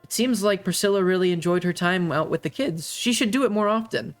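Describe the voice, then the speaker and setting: A game master voicing a calm, loving father in a tabletop game, speaking slowly and soothingly. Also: medium pitch, faint music behind, voice pushed up, close to an everyday voice. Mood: reassuring. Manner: slow, soothing.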